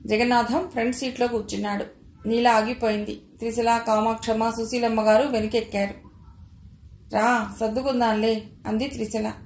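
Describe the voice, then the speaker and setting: Woman narrator, Telugu accent, audio novel reading, fairly high voice, roomy echo. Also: level tone, brisk, darkish tone. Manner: reads all characters in a near-plain narrating voice.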